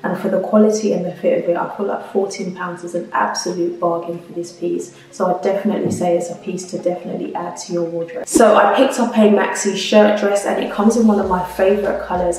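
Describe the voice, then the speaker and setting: A woman's voice: on the low side, darkish tone. A woman, reviewing clothes in a chatty, upbeat way and often calling her viewers "guys", recorded at home. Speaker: fashion vlogger. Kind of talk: try-on haul review. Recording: roomy echo, mic at a distance.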